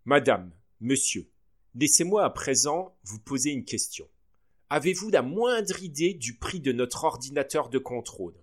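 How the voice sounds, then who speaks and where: Man putting on a pompous school director, booming, proud, storybook. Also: lively intonation, a little slow, breathy edge.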